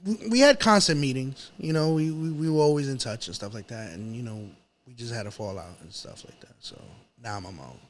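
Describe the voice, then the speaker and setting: A rapper from New York City chats casually as an interview guest in an apartment, telling stories in slangy, repetitive phrasing with a New York accent. His mid-range voice is brisk, and there's slight background noise.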